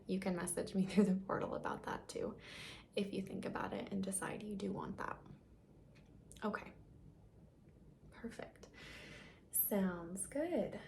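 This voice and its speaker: A woman in an ASMR role-play as a caring doctor, speaking softly and breathily with gentle reassurance. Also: medium pitch, a little hiss or hum. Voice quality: breathy, soft. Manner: soft-spoken, gentle, reassuring, soft-spoken. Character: caring, reassuring female doctor giving a check-up. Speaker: ASMR performer playing a doctor.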